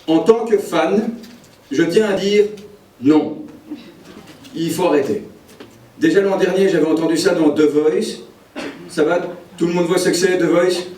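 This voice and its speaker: A man with a Belgian French accent doing stand-up, brash and provocative, with deadpan punchlines. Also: sits high, moderate pace, pauses often, roomy sound, recorded from a distance. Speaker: stand-up comedian. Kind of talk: stand-up comedy set. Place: stage before a live audience.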